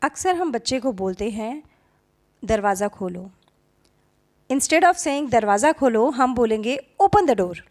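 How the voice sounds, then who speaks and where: A woman with a high, light voice leads a patient home-teaching lesson. She works through it at an unhurried pace, repeating each model sentence and mixing Hindi with English words. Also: lively intonation. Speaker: YouTube teacher.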